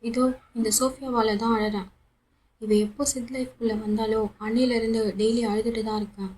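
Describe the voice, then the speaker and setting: A woman voicing a heartbroken young woman lashing out in jealousy in a romance audiobook. Her tone is bitter and accusing. The voice is slightly husky and on the high side. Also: little pitch movement, fairly quick, darkish tone, rough recording. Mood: jealous.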